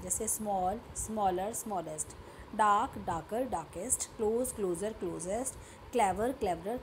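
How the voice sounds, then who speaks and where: A woman's voice: medium pitch, a little mellow, slight background noise. A woman with an Indian English accent teaching a grammar lesson, mixing Hindi and English and often checking whether her students have understood.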